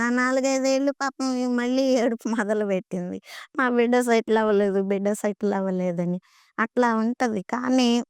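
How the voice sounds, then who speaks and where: A woman's voice: on the high side, clean tone, dry recording, studio quality. A middle-aged woman earnestly recounting devotional experiences, often repeating phrases for emphasis. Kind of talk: conversational storytelling.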